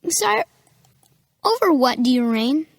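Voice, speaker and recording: A woman's voice: high voice, very animated, slow, creaky, no echo, studio quality, heavily acted. An actress playing a polite, curious little boy prince in an audiobook drama. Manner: polite, earnest. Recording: music playing behind.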